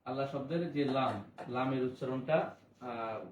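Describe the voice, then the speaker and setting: A man teaching an online Quran lesson, explaining patiently and chanting words slowly. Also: medium pitch, slight background noise. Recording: echoey room, voice from a distance.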